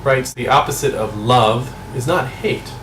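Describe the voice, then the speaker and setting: A man's voice: mid-range voice, a little slow. Musing American man in an echoey room. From United States. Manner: musing, conversational, asks himself questions. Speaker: vlogger. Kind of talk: casual vlog monologue to camera. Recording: echoey room, mic at a distance, air conditioner hum.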